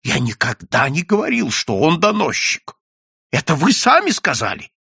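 Guy voicing a scared quack healer, shaky and tragic, lively pitch. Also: unhurried, slightly rough, no room sound, clean studio sound, exaggerated voice. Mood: frightened. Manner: trembling, tragic. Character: timid, frightened male quack healer.

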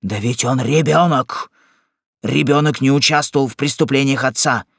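A man's voice: medium pitch, moderate pace, creaky, a bit bright, husky, no echo, studio quality. A man voicing an upright male sergeant who reproaches a bully firmly in an audiobook. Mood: indignant. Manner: firm, reproachful. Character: indignant upright male sergeant, defends the weak. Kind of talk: audiobook character reading.

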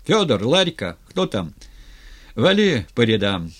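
A man's voice: medium pitch, big pitch swings, takes it slowly, a bit bright, exaggerated voice. A man voicing a practical cossack comrade who gives plain commands. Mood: commanding.

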